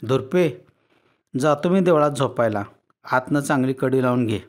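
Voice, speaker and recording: A man voicing a weary rural husband who grumbles loudly in rustic village speech but is soft-hearted underneath. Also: mid-range voice, animated, moderate pace, close to an everyday voice. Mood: exasperated.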